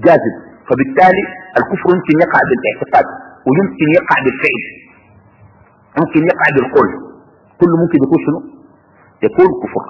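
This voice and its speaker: A man's voice: on the high side, lively intonation, quick pace, long pauses, a little hiss or hum. A man teaching a class on creed, stopping to ask his students questions and having them finish his sentences. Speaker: religious teacher. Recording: dull lo-fi recording in a reverberant hall.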